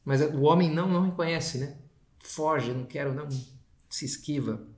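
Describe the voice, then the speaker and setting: A man's voice: a little high, normal speed. A man, a priest, giving a spoken meditation in a casual, conversational way with slangy asides and frequent tag questions. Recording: echoey room.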